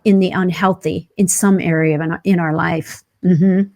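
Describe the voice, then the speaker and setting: A woman's voice: on the low side, steady tone, normal speed, darkish tone. Earnest woman coaching through questions. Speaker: podcast guest, epigenetics coach. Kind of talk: conversational interview.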